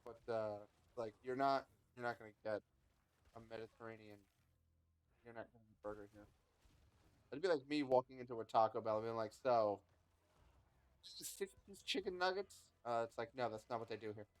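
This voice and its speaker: A man's voice: medium pitch, fairly even intonation, fairly quick, smooth, dry recording, rough recording. A man streaming a game, chatting casually and rambling between moves, swearing now and then. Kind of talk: casual gameplay chat.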